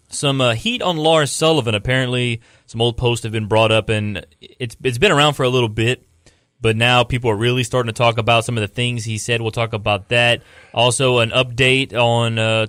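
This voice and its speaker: Chill dude hosting a podcast, reads an article out, trips on words, dead dry sound. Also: male voice, mid-range voice, fairly even intonation, normal speed, fairly bright tone, smooth, no echo. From Louisiana. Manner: laid-back, stumbles over the read text. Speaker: podcast host. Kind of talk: casual podcast chat, reading news aloud.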